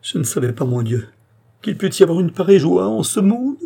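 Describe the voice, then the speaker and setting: A trembling, pleading young noblewoman, as a male audiobook reader puts her on, her lines lifted well above his low voice. Her exclamations climb sharply while a husky, dusky grain stays underneath. It is a storybook voice of forbidden love. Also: big pitch swings, fairly quick, mellow, heavily acted. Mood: rapturous. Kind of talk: audiobook reading of a novel.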